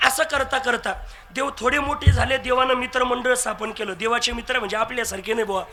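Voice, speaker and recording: A man's voice: very high-pitched, fairly even intonation, fast, sharp tone, faint music behind. A man preaching a devotional kirtan, telling stories with humor, acting out dialogue and asking the crowd for agreement. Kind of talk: devotional kirtan sermon with storytelling.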